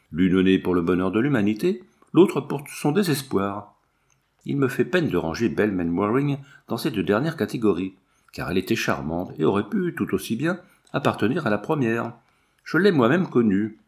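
A man with a low voice reads a classic novel aloud as scripted narration. His pitch moves in wide, lively curves, giving the literary prose an ironic, expressive lift. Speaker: audiobook narrator.

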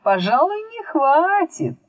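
A woman reading a calm, wry male wizard with a steady, mildly mocking manner. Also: extremely high pitch, slow pace, no room sound, pitched above the performer's own voice, exaggerated voice. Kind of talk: audiobook reading.

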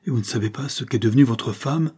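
A man reading an audiobook, voicing an earnest young woman with a husky voice who speaks with urgent feeling. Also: mid-range voice, quick pace, warm tone. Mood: dismayed. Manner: pleading, emotional.

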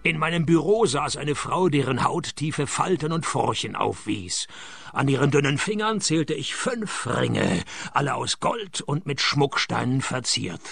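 An actor playing a wry, jaded middle-aged private detective in a noir radio play, with a dry, sardonic delivery. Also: male voice, mid-range voice, very animated, a little slow, gravelly, a bit bright, slightly rough, dry recording, faint music behind, heavily acted. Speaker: narrator and lead detective.

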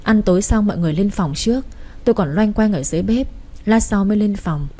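A woman's voice: medium pitch, fast, dark tone. A woman reading a romance story aloud and voicing all the characters herself. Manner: reads every character in her own voice, with little change. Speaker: story narrator.

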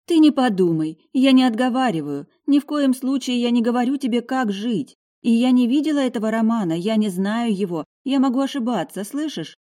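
A woman's voice: a little high, animated, a little fast, few pauses, warm tone, voice pushed up, close to an everyday voice. A woman voicing a worried, tender mother. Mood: tender, soothing. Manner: anxious, coaxing and protective. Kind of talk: audiobook character voice.

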